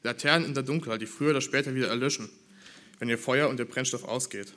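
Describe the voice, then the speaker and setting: A man preaches a sermon in an earnest, measured voice that sits at an ordinary middle pitch. He builds his points through rhetorical questions aimed at the congregation. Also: pushed and bright.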